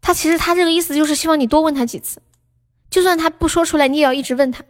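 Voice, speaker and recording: A woman's voice: high voice, rapid-fire. A young woman hosting a livestream, chatting casually and playfully teasing her viewers with advice. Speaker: livestream singer and host.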